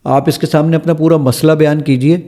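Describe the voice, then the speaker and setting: A man's voice: fairly high pitch, steady tone, warm tone. A man, the founder of an app, eagerly explaining and demonstrating its features step by step as a podcast guest. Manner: eager, stepping through features one by one.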